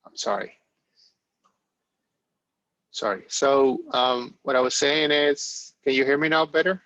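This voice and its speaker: A man's voice: medium pitch, measured pace, a bit bright, no room sound. A man instructor giving an exam review over a video call, his audio choppy and breaking up, talking hesitantly with many fillers. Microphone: computer mic on an online call. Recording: muffled lo-fi call audio, dry.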